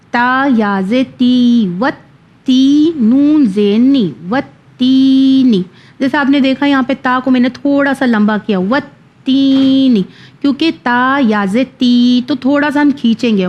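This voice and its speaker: Female Quran teacher, higher voice, drills syllables slowly for children, muffled recording. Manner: spells out syllables slowly, then explains quickly. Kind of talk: children's Quran reading lesson.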